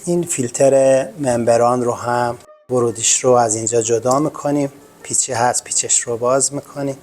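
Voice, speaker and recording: A man walks through a repair one step at a time, calm and polite in his explaining, his voice in the middle of the usual range for a man. Faint music plays behind him. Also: medium pitch. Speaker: host of a home repair channel.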